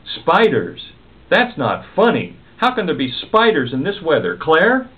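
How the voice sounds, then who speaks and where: A man's voice: huge pitch swings, measured pace. A man voicing an impatient old woman who snaps and strains as she complains about her bladder. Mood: urgent. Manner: snappish, high and strained. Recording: narrow phone-like sound.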